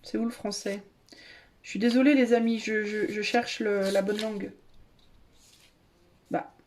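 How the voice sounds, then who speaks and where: A woman's voice: mid-range voice, little pitch movement, a little slow, a little mellow, slight background noise. A woman giving a casual tarot reading to her viewers, chatty and hesitant, with many fillers and restarts. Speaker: tarot reader.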